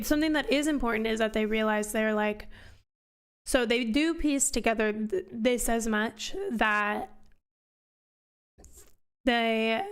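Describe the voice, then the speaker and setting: A woman's voice: fairly high pitch, clean tone. A woman hosting a book club live stream, chatting casually and rambling as she answers questions from chat. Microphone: headphones on, desk mic.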